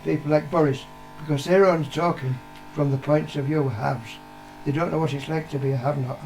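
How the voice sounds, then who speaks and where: A man's voice: on the high side, steady tone, fairly quick, vocal fry, darkish tone, soft background music, rough recording. An older man with a British accent, chatting casually and giving his opinions in a blunt, plain-spoken way. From United Kingdom. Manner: blunt, plain-spoken, swearing, repeating himself for emphasis. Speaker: interviewee, father of the vlogger.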